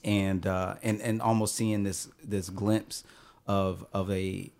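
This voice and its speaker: A man with a low voice speaks in a thoughtful, measured way on a casual podcast panel. He often restarts his sentences as he works through a point. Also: little pitch movement, darkish tone. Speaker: panel guest.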